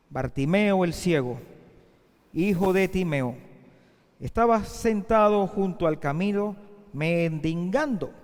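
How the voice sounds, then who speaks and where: A high-pitched male pastor preaching slowly, with sudden loud emphatic rises and quiet drops. His voice rings with long reverb through a church hall. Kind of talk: sermon.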